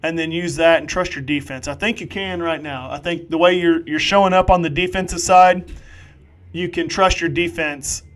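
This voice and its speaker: A man doing live play-by-play football commentary, excitable and jokey with rambling asides. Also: on the high side, normal speed.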